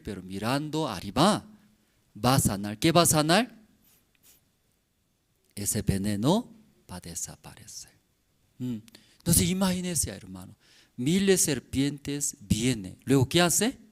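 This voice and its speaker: A man who is a pastor, preaching a sermon in short, broken phrases, repeating questions back to the congregation. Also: medium pitch. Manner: simple, broken phrasing peppered with rhetorical questions and "mm?".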